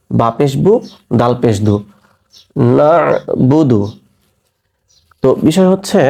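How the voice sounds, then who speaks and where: A man with a mellow, warm voice teaches a reading lesson. He spells out each letter and sound slowly and patiently, and checks in with his learners as he goes. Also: medium pitch. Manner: asks learners rhetorical check questions. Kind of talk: recorded online lesson.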